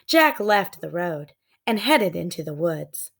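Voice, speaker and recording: A woman's voice: fairly low pitch, sing-song, takes it slowly, vocal fry, a bit bright, breathy edge. A woman reading scripted narration from a children's storybook. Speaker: storybook reader.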